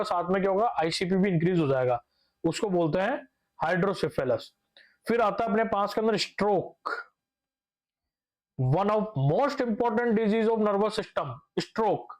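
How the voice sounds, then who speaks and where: A man's voice: sits high, a little mellow. A young man teaching a nursing class, asking his own questions and answering them, repeating key terms and mixing in English medical words. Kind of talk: classroom lecture.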